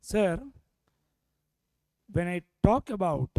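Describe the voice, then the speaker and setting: A man's voice: high-pitched, animated, takes it slowly, a little mellow, no echo. A man with an Indian accent lecturing a revision class, prompting students with repeated questions and dropping Hindi phrases into his English. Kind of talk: interactive exam revision lecture.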